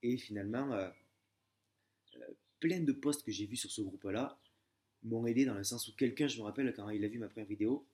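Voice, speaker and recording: This exam candidate explains his method in a casual vlog, his voice lowish, a little mellow and somewhat fast, broken by long pauses. The young man hesitates a lot, restarting and filling gaps as he tells his stories in a friendly, chatty way.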